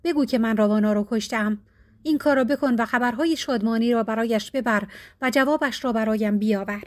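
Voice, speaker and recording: A proud young hero-king speaks in stern, formal words from an old storybook, read out by a woman. The voice sits high and clear, with the measured weight of a fable told aloud. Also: natural voice. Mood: solemn. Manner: formal, solemn speech.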